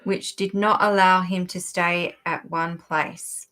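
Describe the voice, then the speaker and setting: A woman co-hosting a podcast, reading a sacred text aloud in a steady voice and pausing to stumble over unfamiliar words. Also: on the low side. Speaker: podcast co-host.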